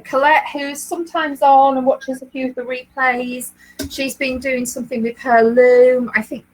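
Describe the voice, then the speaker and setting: A woman from the Leeds area of England co-hosts a knitting livestream from home, speaking in a high voice with a level tone at a moderate pace. She chats casually and reads viewer comments with plenty of ums and easy laughs, and the recording quality is low.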